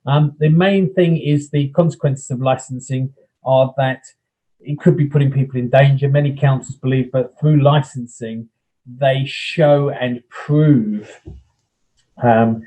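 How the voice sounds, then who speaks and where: A man's voice: medium pitch, fairly even intonation, a little slow, warm tone, poor audio. A man giving a plain-spoken talk on landlord licensing rules, explaining with everyday comparisons and frequent ums.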